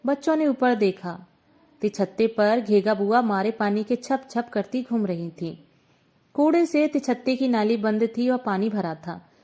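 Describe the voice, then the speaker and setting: Female storyteller, expressive read-aloud narration, voice a touch high. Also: a little slow. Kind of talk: scripted narration of a short story.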